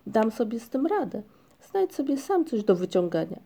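A woman reading a storybook, voicing a busy, proud father troll who puffs and speaks gruffly. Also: on the high side, sing-song, normal speed, warm tone. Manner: puffing, gruff.

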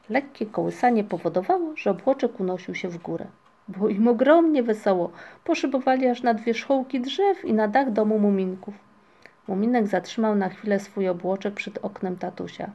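Female storybook narrator, calm and even, mellow tone. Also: medium pitch, creaky. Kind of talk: storybook reading.

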